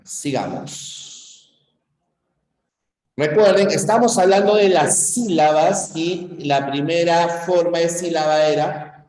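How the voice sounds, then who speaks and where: A man's voice: fairly high pitch, a little mellow. A man with a Peruvian accent teaching a grammar lesson, stressing points and checking in with the class often. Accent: Peruvian Spanish. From Peru. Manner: emphatic, checks in with frequent "¿ya?" and "¿no?". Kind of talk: pre-university grammar lesson. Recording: echoey room with long reverb.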